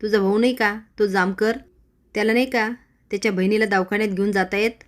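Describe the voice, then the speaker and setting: A woman's voice: medium pitch, steady tone, quick pace, lightly acted. A stern old father snaps reproaches at his daughter-in-law, as a woman storyteller reads his part. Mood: reproachful. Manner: harsh and reproachful.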